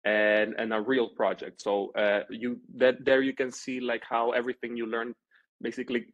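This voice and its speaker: A man's voice: medium pitch, level tone, moderate pace, highs cut off. Young man from Honduras presenting online. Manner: informal, many fillers and restarts. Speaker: marketing coordinator. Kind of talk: webinar presentation. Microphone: video call.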